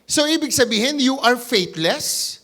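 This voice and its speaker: A man with a Batangas Tagalog accent preaching an animated sermon, acting out the quoted voices and switching into English now and then. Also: extremely high pitch, unhurried. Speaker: pastor. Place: church.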